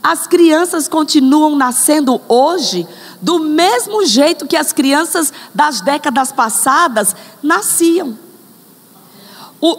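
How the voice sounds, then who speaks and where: Woman, preacher, sermon, high voice, unhurried, talks to the congregation, acts out examples, long hall reverb.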